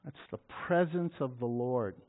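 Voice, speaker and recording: A man preaching a sermon, reading scripture and bursting into loud, dramatic cries at the high points. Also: normal speed. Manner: dramatic, shouting scripture at peaks. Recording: tinny phone-like sound.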